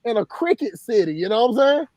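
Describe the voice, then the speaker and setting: A man's voice: extremely high pitch, sing-song, fast, a little mellow, no room sound. A man hosting a casual live stream, rambling with many restarts. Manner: rambling, many restarts and "you know what I'm saying".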